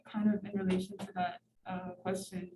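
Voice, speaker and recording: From the audience of a university lecture room, a student in her twenties from Ethiopia asks her question haltingly, with lots of fillers and fresh starts. She speaks at a normal pace in a mid-range voice with little pitch movement. The mic is far away in a roomy hall, and background noise comes through.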